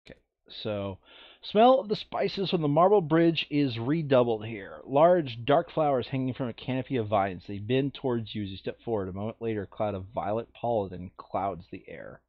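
A man playing a tabletop board game talks through his moves and reads cards aloud in a casual mutter. His medium-pitched voice has lively intonation and a moderate pace, captured dry with no echo on a dull, lo-fi close mic.

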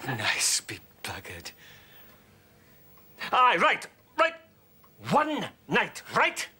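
An actor playing a gruff, sarcastic middle-aged Welsh husband in a sitcom. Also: male voice, high-pitched, wildly swooping pitch, extremely slow, bright, forceful tone, full character voice. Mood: grumbling. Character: suspicious, grumpy Welsh husband. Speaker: grumpy husband. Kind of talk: sitcom acting. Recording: sitcom with audience laughter.

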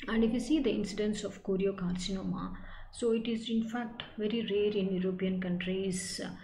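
A middle-aged woman giving an online medical lecture, explaining in measured phrases as a professor. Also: medium pitch, fairly even intonation, mellow. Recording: echoey room with clear background noise.

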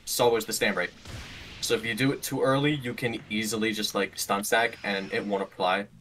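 A man's voice: fairly low pitch, fairly even intonation, normal speed, fairly bright tone, distant mic, a little hiss or hum. A man explaining combat mechanics to friends over voice chat in a casual, joking way, swearing freely.

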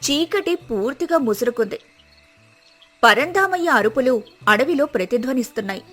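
A woman narrates a scripted moral story in a high-pitched, fairly bright voice with lively intonation. She reads at a moderate pace while faint music plays behind her.

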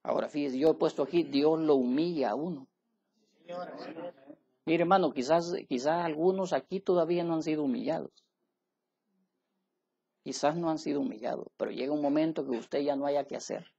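A male preacher in a church delivering an emphatic sermon, addressing his listeners as brother and swinging between quiet asides and loud raised passages. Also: a little high, normal speed, gravelly, pauses often, slightly rough, highs cut off.

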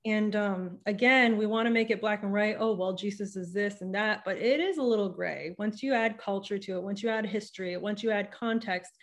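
A young woman joins a podcast as a guest by video call, speaking into a boom-arm studio mic in a home room with a bookshelf and a patterned wall hanging. Her mid-range voice is brisk with hardly any pauses as she works through ideas thoughtfully in casual interview chat, often restarting and gesturing animatedly with her hands.

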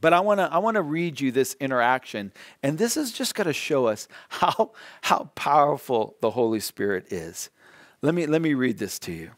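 A man's voice: mid-range voice, big pitch swings, moderate pace, no echo, clean studio sound. A male pastor preaching a sermon who tells a story earnestly and often repeats words as he goes.

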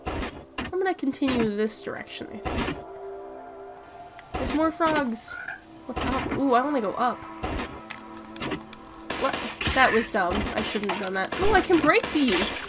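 A chatty woman talking through her video game play in a relaxed, unhurried way. Her voice sits somewhat high, and game music plays steadily under her commentary. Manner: chatty, amused, musing aloud. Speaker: let's-play host. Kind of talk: casual gaming commentary.

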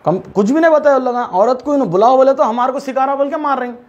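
Very high-voiced indignant Hyderabadi man. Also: very fast, a little mellow, lo-fi sound. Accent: Hyderabadi Urdu. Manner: indignant, rhetorical questions, addresses officials directly. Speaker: local spokesman speaking for the driver. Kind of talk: complaint to the press.

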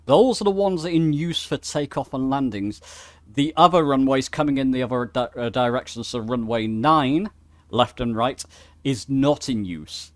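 In a casual flight simulator tutorial, a man talks informally over his screen share, correcting himself and thinking out loud along the way. He sounds animated at a medium pitch and a normal pace, and there's no room sound.

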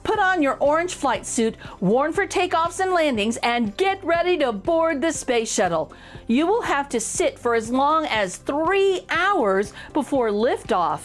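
A woman with a high voice reads a children's picture book aloud for storytime, her intonation swinging in a lively way. She sounds encouraging and emphatic, speaking straight to young listeners, while faint music plays behind her.

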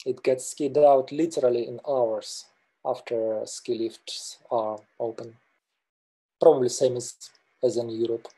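Slow, hesitant Russian-born man. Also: mid-range voice, fairly even intonation, dark tone, slightly rough. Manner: slow, hesitant, many filler pauses. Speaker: mountain guide giving a webinar. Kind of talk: slide presentation talk. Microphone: video call webcam.

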